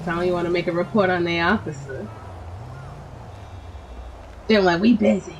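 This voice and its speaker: A man's voice: high voice, moderate pace, vocal fry, slight background noise, rough recording. A man chatting casually while improvising in an online role-play game.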